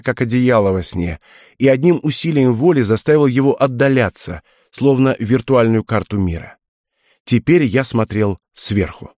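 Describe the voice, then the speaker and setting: A man reading a first-person story aloud in a measured, unhurried way. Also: mid-range voice, a little mellow, no room sound, studio quality. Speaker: audiobook narrator.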